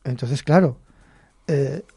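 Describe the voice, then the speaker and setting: A man's voice: medium pitch, slow pace, vocal fry, warm tone, slightly rough, no echo, clean studio sound, soft background music. A man with a Cantabrian accent hosting a folklore podcast, telling folk tales in a chatty, folksy way with frequent chuckles. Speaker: host.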